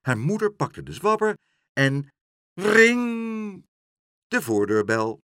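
A man reading a children's story aloud, expressive and doing all the voices. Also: mid-range voice, measured pace, no room sound, clean studio sound.

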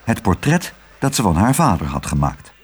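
Breathy male storyteller, lively pitch. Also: moderate pace. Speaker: audiobook narrator. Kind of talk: scripted narration of a children's book.

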